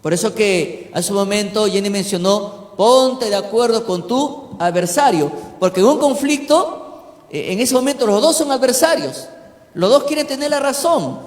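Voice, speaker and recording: A man's voice: sits high, a little mellow. A man preaching as a pastor, teaching a congregation and often checking in with "¿no?". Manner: preaching with frequent "¿no?" check-ins. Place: church hall. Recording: echoey church hall with long reverb.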